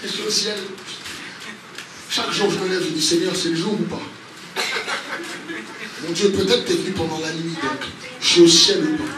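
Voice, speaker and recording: Preaching off the cuff, the pastor prays and exhorts his congregation with emphatic, repeated phrases, his fairly high voice steady in tone at normal speed and frequently broken by pauses. The recording comes from a distant mic in a big, echoey church hall with background noise.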